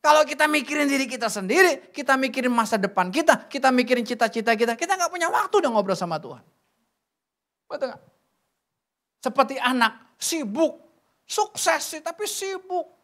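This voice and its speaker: A woman's voice: sits high, expressive, fairly quick, a bit bright. A middle-aged woman preaching a sermon at a church service, chatty and joking, with many rhetorical questions.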